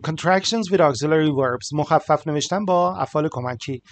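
Man teaching grammar in quick bursts. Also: fairly high pitch. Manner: rapid explanations, slow careful example sentences. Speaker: English teacher. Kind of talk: explaining grammar to learners.

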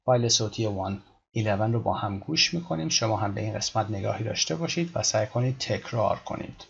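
A man teaching English pronunciation, patiently repeating words slowly to demonstrate. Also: fairly low pitch, expressive, creaky, dull audio, a little hiss or hum. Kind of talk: explaining pronunciation in a lesson.

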